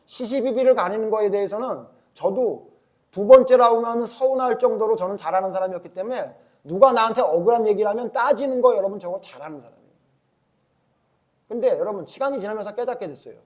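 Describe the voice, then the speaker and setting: Emphatic high-voiced Korean pastor preaching. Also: male voice, fast talker. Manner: emphatic, swings between loud urging and low asides; asks the congregation questions and answers them. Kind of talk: sermon.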